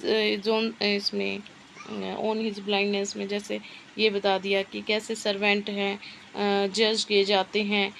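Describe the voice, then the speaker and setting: A woman teacher giving an exam-prep literature lesson, explaining slowly and asking and answering her own questions. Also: medium pitch, completely flat delivery, creaky, fairly bright tone, slight background noise, poor audio.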